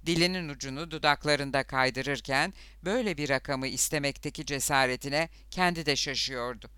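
Crisp-voiced male audiobook narrator. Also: medium pitch, normal speed, pushed and bright, no echo.

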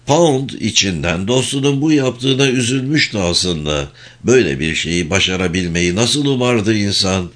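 Male audiobook narrator, low steady read, clear scripted narration. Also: moderate pace.

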